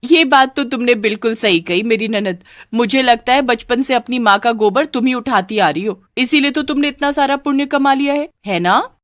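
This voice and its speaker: A woman's voice: on the high side, moderate pace, no room sound, studio quality, pitched above the performer's own voice, lightly acted. A woman voicing a witty young new bride who answers back with teasing, mock-innocent remarks. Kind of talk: Hindi storybook voice acting.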